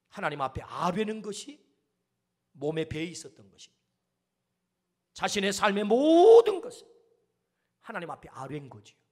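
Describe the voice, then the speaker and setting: A male pastor preaching a sermon, emphatic, firing rhetorical questions and calling for amens. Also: high voice.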